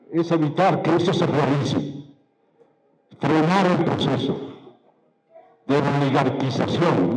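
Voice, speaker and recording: A man giving a political speech to party members, measured and emphatic, posing rhetorical questions and repeating key phrases. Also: fairly high pitch, darkish tone, poor audio. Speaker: political speaker.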